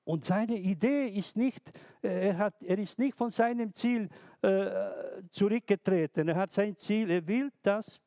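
A man who is not a native speaker delivers a sermon in a slightly high voice, working through his words slowly. He halts and restarts often as he searches for phrasing. The recording is dry and close, with no room sound. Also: warm tone, no room sound. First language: not German. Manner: slow, halting, with many restarts and hesitations. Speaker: preacher.

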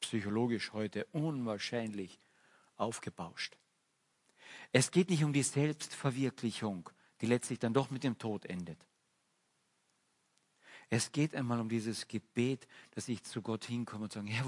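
A man preaches in a church, telling a parable in a conversational, illustrative way. His voice is somewhat husky, and his pitch sits in an ordinary middle range. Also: a little slow, long pauses, darkish tone. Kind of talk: sermon.

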